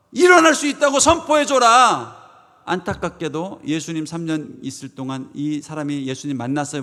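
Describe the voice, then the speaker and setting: A pastor preaching a Sunday sermon, swinging from loud proclamations to hushed asides and asking the congregation rhetorical questions. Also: male voice, a little high. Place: church sanctuary. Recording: long church reverb.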